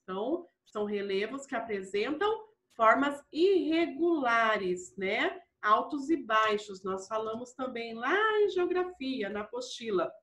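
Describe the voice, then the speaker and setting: A woman's voice: on the high side, expressive, a little slow, few pauses, fairly bright tone, echoey room. A woman teaching a primary school class, patiently walking through exercises and often checking in with the children. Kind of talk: classroom lesson walkthrough.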